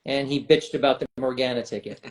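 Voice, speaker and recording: A man hosting a casual chat show, animated and quick to laugh as he tells stories. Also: medium pitch, reverberant. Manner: animated, laughs often, acts out quoted dialogue. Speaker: podcast host.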